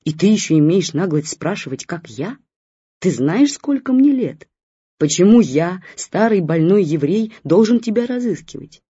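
A woman reading an audiobook, voicing a grumpy, frail old man who is bossy and reproachful and makes dark jokes. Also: lowish voice, sing-song, normal speed, slightly rough, no room sound, full character voice. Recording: dull lo-fi recording.

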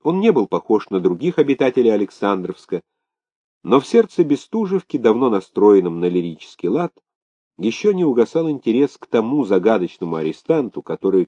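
A man narrating an audiobook in an expressive storytelling manner, on a dull lo-fi recording. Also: lowish voice, brisk, no room sound. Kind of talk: scripted narration.

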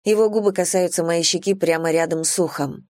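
A woman narrating a first-person romance audiobook in an even, intimate, low-key reading. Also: brisk, dry recording, studio quality.

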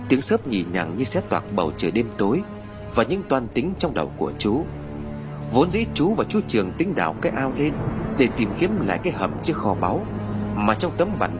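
A man narrating a ghost story in an expressive, dramatic reading style. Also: mid-range voice. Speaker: audiobook narrator. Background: background music.

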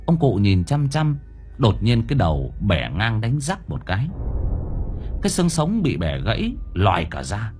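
A man's voice: on the low side, huge pitch swings, normal speed, a little mellow, soft background music. A man narrating a ghost story as an audiobook, vivid and dramatic.

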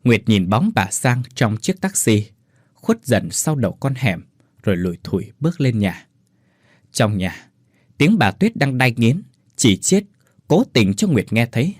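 A man narrating a dramatic story in an expressive voice. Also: medium pitch, a little slow, no echo, clean studio sound.

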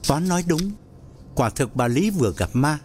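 A man narrating an audiobook story in a measured storytelling way. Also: lively intonation, a little mellow, slight background noise. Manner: measured storytelling with wide pitch swings.

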